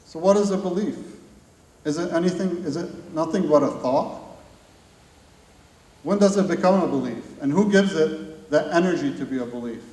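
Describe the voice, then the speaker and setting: A man's voice: on the high side, mellow. A man giving a live conference talk to an audience, asking rhetorical questions and building long repeated lists. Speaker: conference speaker. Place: large hall. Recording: echoey hall from far off.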